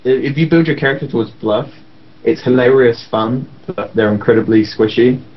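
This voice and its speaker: A man's voice: medium pitch, normal speed. A man playing a tabletop role-playing game and chatting casually with the other players. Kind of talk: casual chat. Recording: dull lo-fi voice-chat audio.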